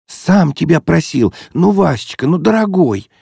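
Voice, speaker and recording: A man voicing a shy, joyful young woman who speaks in an eager hushed whisper. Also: on the high side, very animated, a little slow, gravelly, breathy edge, dry recording, clean studio sound, voice pushed up, heavily acted. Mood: coaxing.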